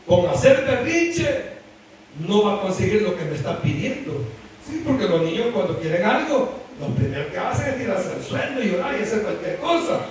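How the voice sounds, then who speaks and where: A male preacher with a high voice that leaps up and down as he drives his sermon home. He keeps turning to the congregation for agreement. The sound is distant and drenched in hall echo, with a faint hum of ambience underneath. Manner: animated, keeps calling on the congregation with "hermano" and "¿verdad?". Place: church hall. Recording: very echoey hall picked up from far off.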